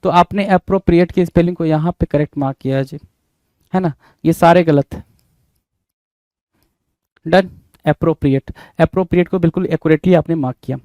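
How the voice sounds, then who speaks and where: A man's voice: fairly high pitch, fairly quick, long pauses, mellow, no room sound, muffled recording. A man teaching English spelling in Hindi, spelling words letter by letter and repeatedly asking the listener what the answer is. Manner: repeats questions to the listener, often adding "bhai".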